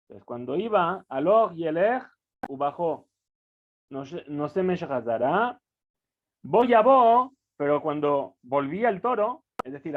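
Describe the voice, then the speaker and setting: A man teaching a Talmud lesson, reading phrases aloud and then explaining them, with frequent restarts and rhetorical questions. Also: fairly high pitch. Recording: phone-like narrow audio.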